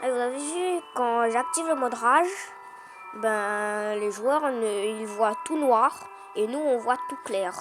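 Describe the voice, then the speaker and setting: A woman's voice: fairly high pitch, slow. A woman commenting casually on her phone game as she plays, explaining with many hesitations and fillers. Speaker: gameplay commentator. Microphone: phone screen recording. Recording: game music behind the voice. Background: game music.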